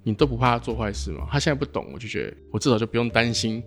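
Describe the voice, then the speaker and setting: A man's voice: mid-range voice, expressive, rapid-fire, faint music behind. A man from Taiwan, a podcast host who muses aloud and sums up topics in a casual chat. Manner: musing, thinks aloud, wraps up topics.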